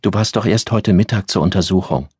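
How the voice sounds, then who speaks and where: A man's voice: sits low, a little fast, a little mellow, breathy edge, no room sound, clean studio sound, voice pushed up. A man reading an audiobook, voicing a kindly female caretaker who speaks in a soothing, motherly way. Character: adult female caretaker, stern but kindly.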